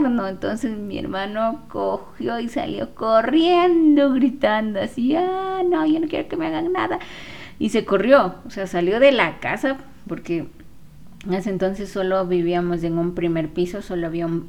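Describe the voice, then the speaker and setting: A woman who works as a spiritual therapist, telling viewers about her past in a casual, unhurried way, with many fillers and self-corrections. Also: medium pitch, darkish tone. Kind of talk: casual personal storytelling to viewers.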